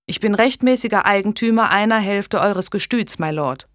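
A woman's voice: medium pitch, moderate pace, no room sound, studio quality, pitched above the performer's own voice, natural voice. Woman reading as a polite young nobleman. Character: calm young medieval nobleman, polite and firm.

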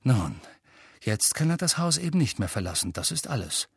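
A man's voice: medium pitch, big pitch swings, moderate pace, creaky, husky, dry recording, studio quality, heavily acted. A man voicing an earnest, bookish teenage witch girl in an audiobook reading, lecturing and anxious. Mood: worried. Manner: earnest, lecturing, hushed when worried.

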